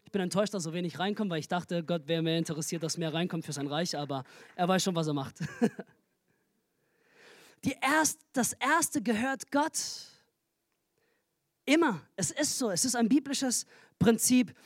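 A man's voice: high-pitched, lively intonation, normal speed, pauses often, dry recording, clean studio sound. A man pastor giving a humorous, chatty sermon from a church stage, speaking into a handheld mic. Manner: humorous, chatty, laughs at own jokes.

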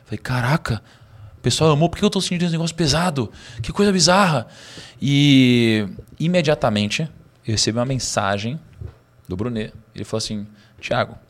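A man, a podcast guest telling a story in a lively, slangy way with laughs. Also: medium pitch, a little fast. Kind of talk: casual storytelling interview.

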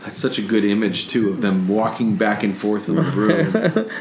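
A man's voice: on the low side, animated, moderate pace, darkish tone. A man co-hosting a casual chat, an engaged, curious listener. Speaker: co-host. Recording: echoey room, faint background noise.

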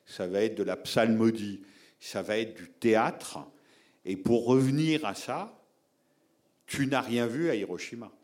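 A man's voice: mid-range voice, darkish tone. A man giving a public talk on film, answering audience members in an explanatory, emphatic way and addressing listeners directly.

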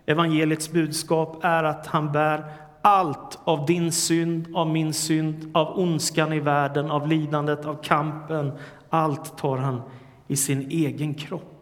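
A man delivers a sermon in an earnest, measured way and rises to emphatic cries on the words he quotes. His voice sits a little higher than most men's. The sound carries a long, lingering church-hall reverb. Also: flat delivery. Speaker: preacher.

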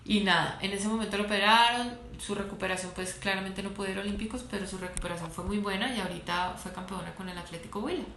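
Animated woman, echoey room. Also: medium pitch, fast, hardly any pauses. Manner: animated, laughs often, playful storytelling. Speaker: sports doctor and coach. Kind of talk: casual interview talk. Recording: echoey room, faint background noise.

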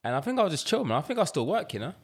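A man's voice: on the high side, big pitch swings, rapid-fire, breathy edge. A man with a London roadman accent and street slang, bantering casually with friends.

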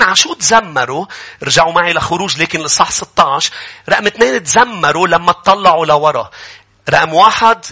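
A man with a Lebanese accent, a pastor delivering an animated sermon and acting out grumbling people. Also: a little high, husky.

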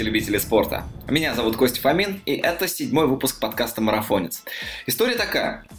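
Quick-talking male podcast host. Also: medium pitch. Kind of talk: podcast introduction and interview questions.

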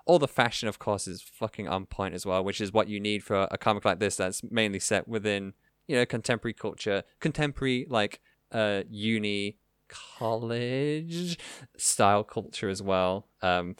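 A man's voice: lowish voice, normal speed, fairly bright tone, smooth, no room sound, clean studio sound. A male podcast host chatting casually in an enthusiastic, rambling way, with lots of fillers. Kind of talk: casual chat.

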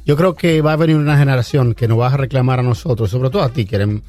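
A man's voice: medium pitch, fast talker, a little mellow. A man interviewing a candidate, talking hesitantly and repeating words as he searches for them. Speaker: interviewer, former campaigner.

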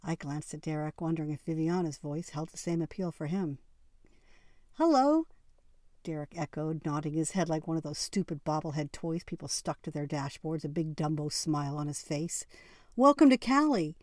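A woman narrating a first-person novel in an intimate, expressive storytelling manner. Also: deep voice, fairly quick, hardly any pauses, no echo, clean studio sound. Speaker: audiobook narrator.

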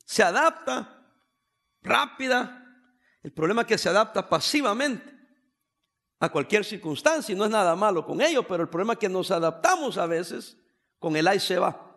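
A man from El Salvador, pastor of a church, preaches a sermon to his congregation in a conversational way with humorous asides. His high-sitting voice is animated and fairly bright, at normal speed with long pauses.

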